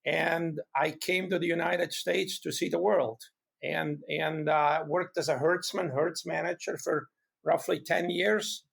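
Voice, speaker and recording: A middle-aged man from Switzerland with a Swiss accent, a guest talking casually in an interview, halting and earnest, often repeating his words. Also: fairly high pitch, steady tone, creaky, fairly bright tone, husky. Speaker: guest, hoof care expert.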